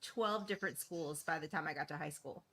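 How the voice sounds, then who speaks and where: Woman guest, lowish voice, open and chatty, casual interview. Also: fairly quick, over a noisy crowd. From East Boston, Massachusetts. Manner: candid and chatty, frequent fillers and laughs.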